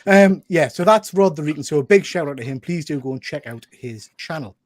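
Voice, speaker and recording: A man's voice: on the high side, expressive, fairly quick, dry recording, studio quality. A man casually hosting a group show in an informal, bantering way. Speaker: host.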